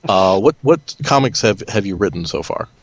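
Slightly hoarse, low-voiced male podcast host. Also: expressive, moderate pace, dry recording, dull audio. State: getting over an illness, slightly hoarse. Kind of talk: casual hosted podcast chat.

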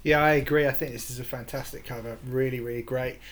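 A man co-hosting a music podcast, talking in a relaxed, rambling way with the odd swear. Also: mid-range voice, fast talker. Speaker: podcast co-host. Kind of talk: casual music review chat.

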